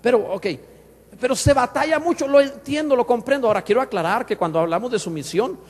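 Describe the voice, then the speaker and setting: A man's voice: very high-pitched, fast, long reverb tail. A man preaching a sermon in a joking, conversational way, full of rhetorical questions. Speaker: pastor. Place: church sanctuary.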